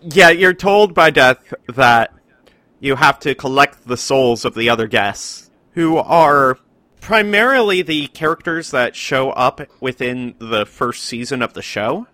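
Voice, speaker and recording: Bright-voiced man explaining on a podcast. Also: medium pitch, lively intonation, unhurried, no room sound. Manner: informative, explaining facts with small restarts. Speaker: podcast host. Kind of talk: casual podcast chat.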